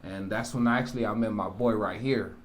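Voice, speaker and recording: A man from Jamaica, a rapper, talking casually in an interview, relaxed and rambling with many asides. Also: on the low side, a little fast. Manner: relaxed, rambling, with frequent "you know" asides.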